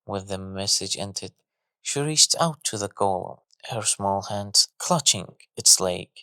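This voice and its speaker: Slow, deep-voiced man narrating a tale. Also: expressive, sharp tone, no room sound. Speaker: storyteller. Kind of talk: scripted story narration.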